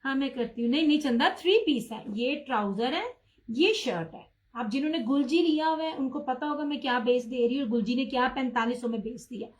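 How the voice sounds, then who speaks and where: High-voiced woman selling clothes live. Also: a little fast, rough recording. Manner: chatty, addresses viewers by name, insists on low prices. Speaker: online clothing seller. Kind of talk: live-stream sales pitch.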